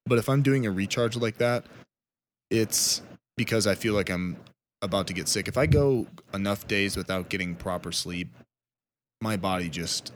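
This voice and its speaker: A man's voice: fairly low pitch, normal speed, slight background noise. A man chatting casually as a podcast co-host, teasing and self-deprecating.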